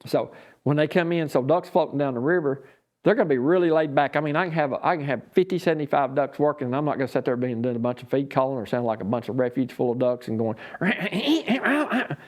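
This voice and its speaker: A man with a Southern US accent explains his craft as an instructor would in an informal lesson. His voice sits at a middle pitch, and he talks in a folksy, rambling, unscripted way. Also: fairly even intonation, fast, a little mellow. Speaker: duck calling instructor and champion.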